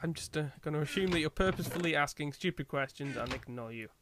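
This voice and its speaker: A man's voice: a little high, lively intonation, fast, noisy background. A man chatting casually as he co-hosts a gaming video, bantering in an exasperated, sweary way. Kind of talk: casual chat while playing Minecraft.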